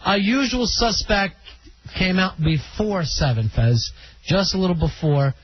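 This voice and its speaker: A man's voice: high-pitched, expressive, measured pace, no echo. A man hosting a call-in radio show, chatty and opinionated, taking callers on the line. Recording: dull lo-fi radio broadcast.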